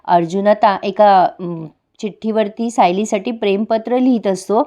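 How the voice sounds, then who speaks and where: A woman's voice: medium pitch, fairly even intonation, normal speed, dark tone, dull audio. A woman recapping a television serial episode in chatty storytelling narration. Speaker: TV serial reviewer.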